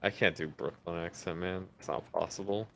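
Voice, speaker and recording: A young man chatting with a friend during a video game, explaining his thoughts in an animated, loose way with plenty of fillers. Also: deep voice, a little fast, creaky. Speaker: co-player. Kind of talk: casual gameplay chat.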